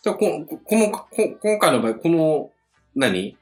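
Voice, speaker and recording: Animated man in casual podcast chat. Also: normal speed. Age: 30s. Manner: animated, teasing, rising to high squeals when protesting. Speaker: podcast co-host. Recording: echoey room with faint music behind.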